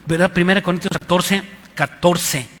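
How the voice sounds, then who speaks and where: A man's voice: high-pitched, fairly even intonation, normal speed, fairly bright tone. A man with a Mexican accent preaching a sermon as pastor, emphatic and repeating his key lines. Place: church hall. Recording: reverberant church hall.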